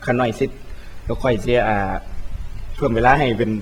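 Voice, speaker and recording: A man's voice: mid-range voice, flat delivery, fairly quick, slight background noise. A young man from Thailand doing casual gameplay commentary, mixing in Isan dialect words, playful and rambling, often correcting himself. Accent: Thai with Isan dialect words. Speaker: game commentator.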